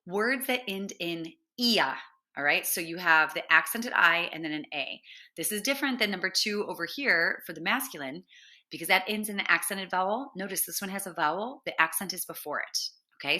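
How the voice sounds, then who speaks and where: A woman teaching a grammar lesson, patiently spelling out letters, repeating examples slowly and checking in with "right?" as she goes. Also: lowish voice, sharp tone. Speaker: Spanish teacher. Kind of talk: classroom lesson explaining grammar.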